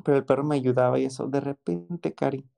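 A man with a Mexican accent telling a story in casual chat, excited and slangy, often repeating exclamations. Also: mid-range voice, brisk, vocal fry. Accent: Mexican Spanish.

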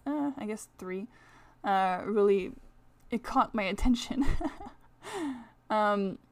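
A woman's voice: mid-range voice, slow pace, no room sound. A woman with a French accent hosting a casual solo podcast, talking in a rambling, chatty way full of fillers. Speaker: astrology podcast host.

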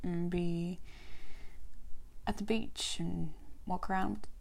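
A woman's voice: fairly low pitch, fairly even intonation, takes it slowly, gravelly. A young Australian woman with a Western Australian accent, hosting a solo podcast in a chatty way, laughing often and restarting her sentences. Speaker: podcast host.

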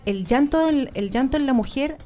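Warm-voiced Chilean woman explaining. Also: sits high, normal speed, soft background music. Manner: animated, explanatory. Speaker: guest speaker. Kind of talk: casual interview chat.

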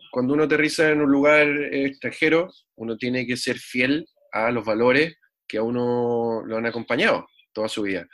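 A man's voice: medium pitch, a bit bright. A man of thirty-nine giving reflective, casual advice as an interview guest, with many fillers and restarts. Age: 30s.

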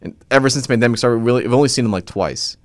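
A man's voice: mid-range voice, rapid-fire, no room sound, studio quality. A young man co-hosting a casual chat, easygoing and wry. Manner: laid-back, easygoing, wry. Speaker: co-host.

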